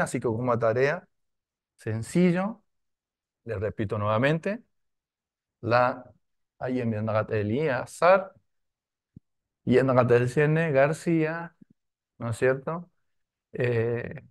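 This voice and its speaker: A man gives a language lesson at an unhurried, careful pace. He repeats words patiently and keeps asking his students whether they follow. His voice sits at an ordinary middle pitch. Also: darkish tone. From Argentina. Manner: slow, repetitive, with frequent tag questions. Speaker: language teacher. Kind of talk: online language class.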